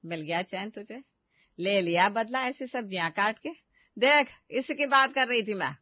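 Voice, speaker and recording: A woman's voice: medium pitch, expressive, measured pace, no room sound, natural voice. A woman plays a scheming older mother-in-law in a cartoon family story, sly and taunting in manner. The recording is dry, close and slightly dull. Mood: gloating. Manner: taunting, sly and self-pitying. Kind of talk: animated family story voice acting.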